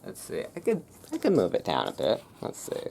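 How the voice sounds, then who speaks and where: Indoors at home, a self-deprecating host with a deep, creaky, dark-toned voice rambles casually between passages read aloud for an ASMR audience. The pitch swings hugely and the pace is fairly quick, while a thunderstorm and room noise fill the background of the noisy room.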